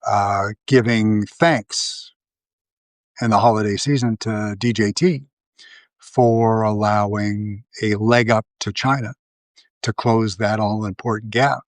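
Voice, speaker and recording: A man's voice: lowish voice, steady tone, slow, no echo. A man hosting a live video, talking through casual commentary, rambling with lots of fillers and restarts. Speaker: livestream host.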